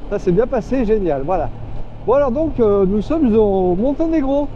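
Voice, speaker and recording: A man's voice: high voice, big pitch swings, moderate pace, lo-fi sound, slight background noise. A man giving live, chatty commentary to himself and his viewers while riding a motorcycle, full of fillers and asides. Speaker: motorcycle vlogger. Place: on a motorcycle outdoors on the road.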